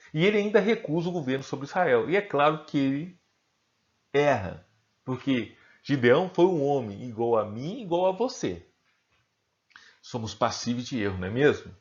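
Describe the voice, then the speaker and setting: In a recorded online lesson with lo-fi sound, a Brazilian-accented man speaks in a mid-range voice. He keeps asking and answering his own questions and checks in with the viewer throughout.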